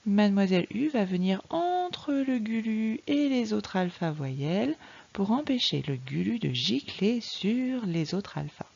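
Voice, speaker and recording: Female primary teacher reading syllables with a child, lively sing-song, gravelly edge. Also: medium pitch, dull audio. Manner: patient, slow and explanatory, addressing one child. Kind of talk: recorded reading lesson for young children.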